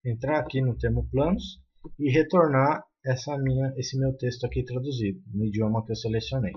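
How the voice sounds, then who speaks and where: Speaking fairly quickly in a slightly rough, mid-range voice, a man with a Brazilian Portuguese accent explains a coding tutorial one step at a time. This programming tutor often uses fillers and restarts, and the audio has its highs cut off.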